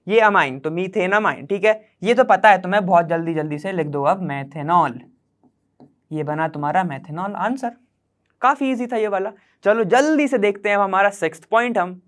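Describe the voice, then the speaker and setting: Chatty, smooth-voiced male chemistry tutor. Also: sits high, a bit bright. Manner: chatty, quizzes the viewer, keeps saying "theek hai". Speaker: chemistry teacher. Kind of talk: explaining chemistry problems step by step.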